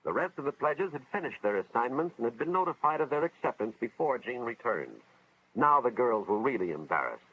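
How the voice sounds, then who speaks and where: In the role of an earnest school official, an American man narrates a 1950s educational film dramatically and with a moralizing tone. His mid-range voice is brisk and sing-song, with a little hiss or hum, over a dull old film soundtrack backed by music.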